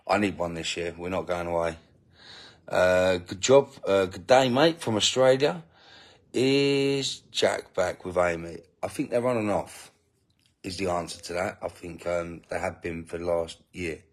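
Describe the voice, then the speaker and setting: Low-voiced man chatting on a live stream. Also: steady tone, unhurried. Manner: rambling, self-interrupting, indignant asides. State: feeding a baby while talking. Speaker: family channel host reading live comments. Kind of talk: casual live-stream chat.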